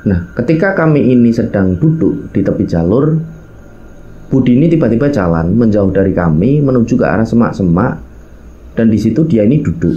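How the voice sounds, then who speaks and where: Animated and a little fast, a man with a fairly low, dark voice and a Javanese accent relates his own trek up a mountain over dull-sounding audio. He keeps it casual, talks right to the audience, acts out what people said, and uses local phrases.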